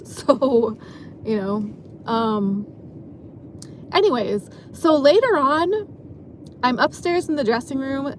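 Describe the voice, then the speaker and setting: A woman's voice: on the high side, slight background noise, low-quality recording. A woman who works as an exotic dancer, telling a story from her job in a rambling, casual way, full of filler words. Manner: rambling, many filler likes.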